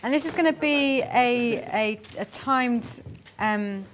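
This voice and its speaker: A woman's voice: a little high, takes it slowly, slight background noise. A woman leading a workshop, giving chatty, encouraging instructions for a group exercise and laughing between them. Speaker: workshop facilitator.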